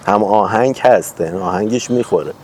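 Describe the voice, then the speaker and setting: A man with a Tehran accent hosting a casual conversation, explaining his points calmly with examples. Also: fairly low pitch. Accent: Tehran Persian. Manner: relaxed, thoughtful, explains with examples. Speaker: host.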